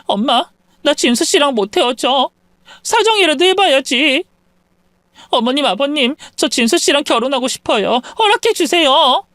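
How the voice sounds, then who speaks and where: A man's voice: very high voice, expressive, moderate pace, bright, forceful tone, dry recording, studio quality, pitched above the performer's own voice, exaggerated voice. A man voicing a tearful young woman pleading with her mother and future in-laws. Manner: pleading, whiny, rising.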